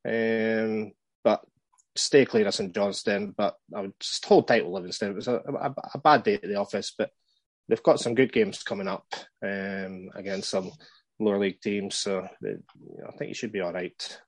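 A man co-hosting a casual fantasy football podcast, giving measured advice with frequent hesitations. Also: lowish voice, no room sound. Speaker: podcast co-host.

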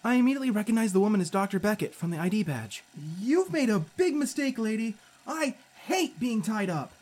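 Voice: medium pitch, lively intonation, fairly quick, a little mellow, close to an everyday voice. A performer playing a spirited, sarcastic youngster who narrates an audio drama in an informal, candid way. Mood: defiant.

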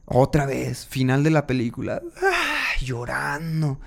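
A man with a voice set a bit higher than most men's. He tells a personal story to his podcast audience in an animated, expressive way, voicing his inner thoughts as little quoted lines. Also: moderate pace, clear, resonant tone. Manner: animated, acts out his own inner dialogue.

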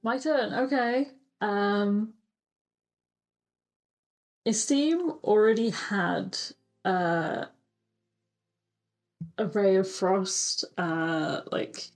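A woman takes her turn in a tabletop role-playing game, casual and halting. Her delivery is extremely slow, at a middling pitch over faint music.

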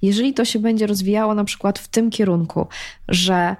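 A woman's voice: medium pitch, fairly even intonation, a little fast, darkish tone. A woman speaking as a podcast guest in casual conversation, engaged and talkative, often restarting phrases.

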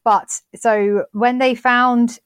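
A woman with a fairly high, steady voice speaks very slowly and smoothly, with no room sound. She's co-hosting a podcast in a casual, chatty way, poking fun at herself and restarting her sentences a lot.

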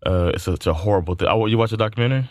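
A man's voice: fairly low pitch, very fast, no echo. A man in his thirties co-hosting casual chat, rambling with many fillers and restarts. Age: 30s. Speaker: podcast co-host.

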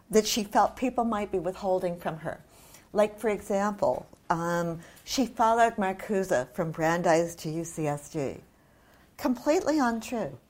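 A woman's voice: medium pitch, darkish tone. An older woman from New Zealand talking as a guest author, candid and discursive in a conversational literary discussion.

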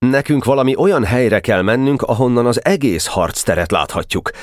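A man's voice: medium pitch, lively intonation, dry recording, clean studio sound, pitched above the performer's own voice, natural voice. A man voicing a stern, commanding teenage boy general in an audiobook, giving clipped, rousing orders. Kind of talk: audiobook character voice.

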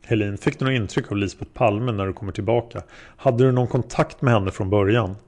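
A man's voice: on the low side, a little mellow, natural voice. A man voicing a male prosecutor who questions a witness step by step, in a methodical way. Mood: probing.

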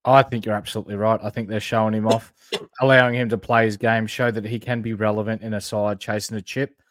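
Male co-host, broad Australian accent, fairly low pitch, informal slangy analysis, dry close recording. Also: little pitch movement, quick pace, dry recording. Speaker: sports podcast co-host. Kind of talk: casual basketball analysis chat.

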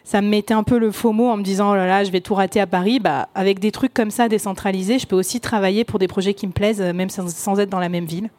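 A woman's voice: medium pitch, fairly even intonation, fast, few pauses, a little mellow, no echo. A woman podcaster talking on a round-table panel in a loose, chatty way, full of fillers and restarts. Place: conference stage.

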